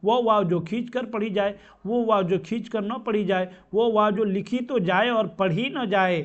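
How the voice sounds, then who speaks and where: High-voiced man teaching grammar, lo-fi sound. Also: a little slow. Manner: asks questions and answers them himself, repeats terms. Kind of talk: grammar lesson. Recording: dull lo-fi sound.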